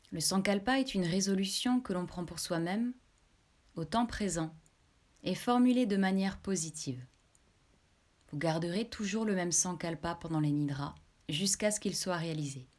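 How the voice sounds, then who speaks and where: A yoga nidra instructor with a lowish voice leads a guided relaxation meditation, delivering her instructions calmly and in a measured way.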